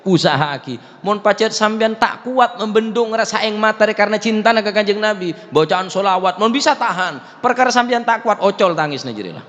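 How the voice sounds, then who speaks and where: A man giving a sermon on a religious text, mixing Madurese and Javanese words into Indonesian and reciting Arabic verses, swinging between loud high exclamations and quiet low asides. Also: animated, a little fast, hardly any pauses. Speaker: preacher teaching a religious text. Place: prayer room. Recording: dull livestream audio with long reverb.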